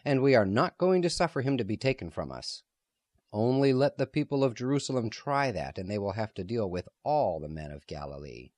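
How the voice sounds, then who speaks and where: A man's voice: lowish voice, very animated, fairly quick, a little mellow, dry recording. A man reading the part of a stern, proud elderly rabbi who speaks hotly and with defiance. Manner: hot, stern, declaiming.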